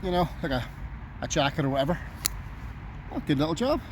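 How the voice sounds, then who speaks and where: A man's voice: a little high, big pitch swings, brisk. A man talking casually to camera as a camping vlogger, rambling in an easygoing way and thinking aloud. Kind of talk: casual outdoor vlog talk to camera. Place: outdoors at a tent by a road. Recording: clear outdoor background noise, nearby road.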